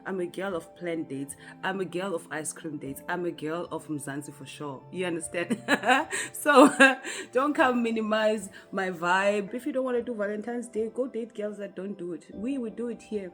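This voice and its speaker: A woman's voice: medium pitch, normal speed, fairly bright tone. South African woman, storytime vlogger, chatty and direct with viewers, laughs often, faint music under. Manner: chatty, talks straight to viewers with frequent laughs. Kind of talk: casual storytime vlog.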